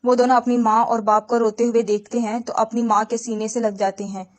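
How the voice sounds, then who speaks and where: A woman's voice: a little high, little pitch movement. A woman telling an emotional religious story in an earnest, sorrowful way, speaking directly to the listener.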